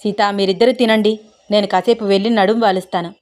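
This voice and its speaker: A kind, indulgent mother with a gentle, motherly manner, voiced by a female narrator. She speaks in an unremarkable mid-range voice, warm and fond. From a spoken storybook romance. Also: medium pitch, fairly even intonation, fast, lightly acted.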